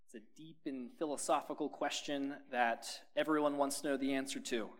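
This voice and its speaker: A man's voice: medium pitch, fairly even intonation, normal speed. A man preaching a sermon in a conversational way, putting questions to his listeners and adding dry humor.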